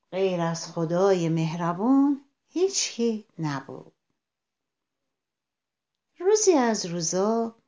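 Animated, mellow woman telling a children's story. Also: fairly low pitch. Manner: warmly addresses children, animated.

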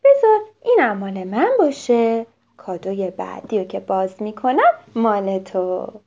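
A woman's voice: mid-range voice, sing-song, darkish tone. A woman voicing an eager, generous little child who squeals with delight. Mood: excited. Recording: slightly dull lo-fi recording.

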